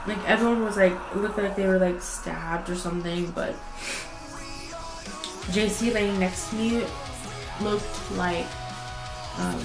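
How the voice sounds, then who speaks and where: A woman's voice: medium pitch, lively intonation, unhurried, pauses often. A woman vlogger telling a story in a casual, rambling way with many fillers. Her voice sounds sick and teary. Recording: roomy echo with music behind.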